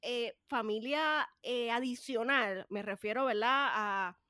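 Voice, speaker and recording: A woman in a casual podcast chat, expressive and repeating words for emphasis. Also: on the high side, takes it slowly, clean tone, no echo, studio quality. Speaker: podcast co-host.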